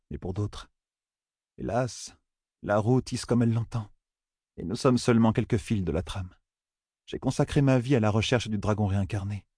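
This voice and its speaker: Male reader as an icy audiobook sorceress, hushed and grave. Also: on the low side, slightly rough, no echo, clean studio sound. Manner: quiet, icy and solemn. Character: cold, aloof female sorceress on a mission.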